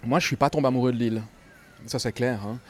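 A man's voice: mid-range voice, steady tone, quick pace, a little mellow, a little hiss or hum. A man raised in Switzerland, a foundation founder being interviewed casually, talking emphatically and hammering his points home. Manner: emphatic, piling up repeated points. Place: restaurant.

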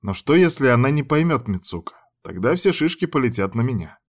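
A man's voice: medium pitch, big pitch swings, a little fast. Male narrator, mid-range voice, plain matter-of-fact first-person reading. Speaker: audiobook narrator.

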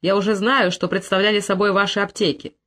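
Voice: medium pitch, little pitch movement, a little fast, a bit bright, natural voice. A reader voicing Gatsby, a mysterious wealthy man who speaks in a firm, controlled way in an audiobook.

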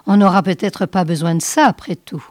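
A woman's voice: fairly low pitch, a little fast, darkish tone, no echo, studio quality, lightly acted. A woman voicing a wary male space crewman in a storybook reading, murmuring and cautious. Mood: wondering.

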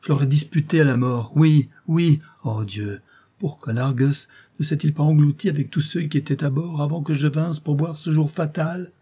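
A man's voice: mid-range voice, normal speed, warm tone, breathy edge, pitched above the performer's own voice. A man reading the part of a grieving young husband, crying out in impassioned outbursts. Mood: anguished.

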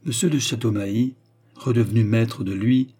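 A man reading a classic novel aloud as narrator, in a measured, expressive storytelling manner. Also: mid-range voice, husky. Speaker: audiobook reader.

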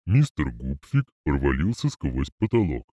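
A man voicing a solemn clay golem servant who speaks slowly and formally, with a dull, lo-fi sound. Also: rumbling low, no room sound, studio quality, voice pushed down, heavily acted. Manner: slow, flat and formal.

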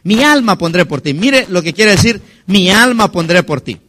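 A middle-aged preacher from Mexico delivers a dramatic sermon in a high, bright voice. His pitch leaps all over the place, and he acts out the figures he quotes. He pushes hard on his punch lines, then drops back down. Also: lively intonation, moderate pace.

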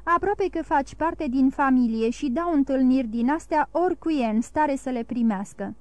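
A woman's voice: high-pitched, a little mellow, no room sound, close to an everyday voice. A woman reading the part of a proud young nobleman who speaks coldly and accuses. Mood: mocking. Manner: cold, challenging, accusing.

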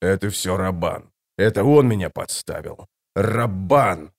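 A frightened baron pleads in a low, hushed voice and stumbles over his words, as a male reader puts him on. It sounds like a storybook reading. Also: lively intonation, unhurried, gravelly, heavily acted. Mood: pleading. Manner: pleading, stammering.

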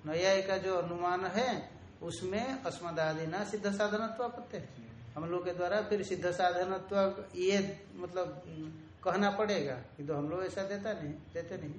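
Man, high voice, scripture teacher, slow repeated explanations, roomy echo. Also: a little hiss or hum. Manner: explains slowly, repeats key terms, stretches Sanskrit quotations. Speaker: Vedanta teacher. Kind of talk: traditional scripture lesson. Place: ashram room. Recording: echoey room, faint ambience.

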